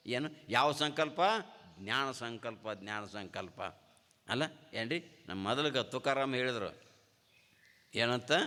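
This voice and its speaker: A man's voice: medium pitch, pushed and bright. A man, a swami giving a devotional sermon with a North Karnataka Kannada accent, asking rhetorical questions and repeating key phrases. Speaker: swami giving a spiritual discourse. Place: ashram hall. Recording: reverberant hall.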